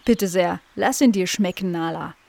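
A woman's voice: lowish voice, moderate pace, vocal fry, mellow. A woman voicing a kind, caring aunt in a children's story.

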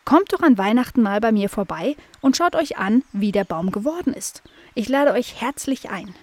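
Lady doing a cheerful curious puppy girl, kinda high, dry close sound. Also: expressive, normal speed, darkish tone, no echo. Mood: eager. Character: curious, cheerful young female dog.

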